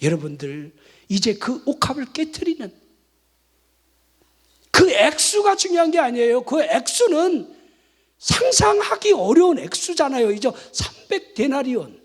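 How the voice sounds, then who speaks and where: A male pastor preaching a lively sermon at a night worship service, rousing the congregation with rhetorical questions and shouted responses. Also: extremely high pitch, unhurried. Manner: animated, exhorting with rhetorical questions.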